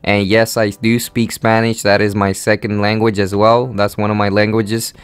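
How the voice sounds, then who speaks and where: Easygoing eighteen-year-old guy, smooth low voice. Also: level tone, moderate pace, no echo. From Honduras. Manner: rambling, filler-heavy, easygoing. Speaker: gaming channel host. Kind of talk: casual Q&A vlog.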